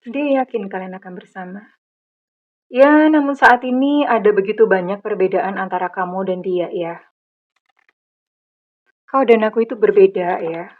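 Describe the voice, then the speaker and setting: A middle-aged woman giving a general tarot reading, chatty and animated, with many fillers. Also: medium pitch, normal speed, long pauses. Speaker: tarot reader. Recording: slightly dull lo-fi recording.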